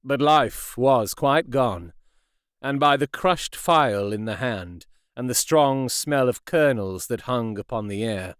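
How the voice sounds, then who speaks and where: A man narrating a classic novel as an audiobook in a measured, expressive way. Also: medium pitch, clean tone, no echo, studio quality. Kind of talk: scripted narration.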